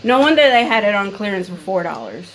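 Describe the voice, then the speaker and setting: A woman's voice: mid-range voice, sing-song, fast, a little hiss or hum, poor audio. A woman hosting a casual beauty vlog at home, chatty and playful. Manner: chatty, quotes relatives in playful voices. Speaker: beauty vlogger host. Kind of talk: casual chat.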